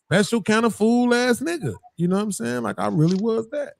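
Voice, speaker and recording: A man's voice: very high voice, a little fast, gravelly, a little mellow. A man hosting a podcast in casual chat, profane and rambling, laughing often. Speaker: podcast host.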